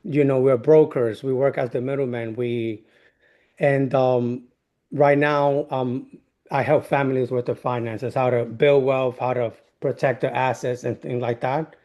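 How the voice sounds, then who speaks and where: A man from New York with a Dominican accent, a guest in an interview, speaking earnestly with halting restarts. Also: medium pitch, fairly even intonation, dark tone. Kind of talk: interview conversation.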